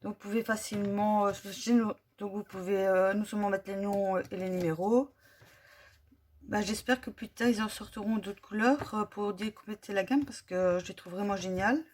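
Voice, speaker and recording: A woman with a French accent casually reviewing glitter paint tubes, slowly listing colour numbers with frequent fillers. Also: medium pitch, a little mellow. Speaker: vlogger.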